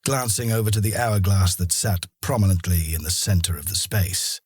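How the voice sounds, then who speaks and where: A man narrating a fantasy audiobook in a steady storytelling manner. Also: low voice, moderate pace, breathy edge, no echo, studio quality. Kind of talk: scripted narration.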